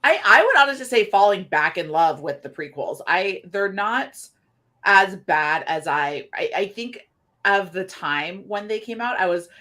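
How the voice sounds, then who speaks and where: A woman's voice: medium pitch, lively intonation, unhurried, bright, forceful tone. A woman on a podcast, chatting casually in a chatty, self-deprecating way.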